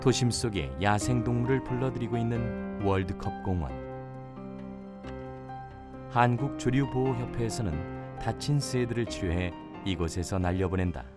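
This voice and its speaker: A man with a fairly low voice narrates a nature documentary in measured, solemn phrases. His scripted storytelling sits over clearly audible background music. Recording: music behind the voice.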